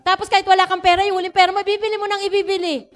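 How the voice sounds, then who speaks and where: High-voiced woman teaching at church, lively, acts out little quotes, long hall echo. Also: rapid-fire. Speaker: church speaker.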